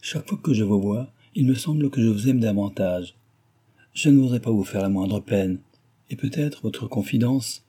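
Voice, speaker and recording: A man reading the lines of a gentle, reserved young heiress in a classic novel, softly spoken. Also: fairly low pitch, normal speed, slightly rough.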